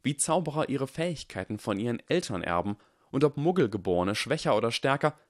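A man reading the part of a calm, earnest young wizard who explains his reasoning in a measured, persuasive way. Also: medium pitch, no echo, clean studio sound, pitched above the performer's own voice, natural voice. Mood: earnest lecturing. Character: calm, earnest boy wizard lecturing on science.

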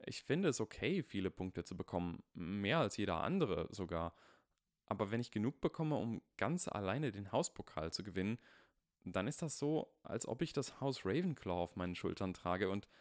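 A man voicing a precocious, earnest young boy who reasons carefully and deliberately, as in an audiobook. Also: fairly low pitch, sing-song, dry recording, clean studio sound. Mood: explaining. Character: precocious earnest eleven-year-old boy wizard.

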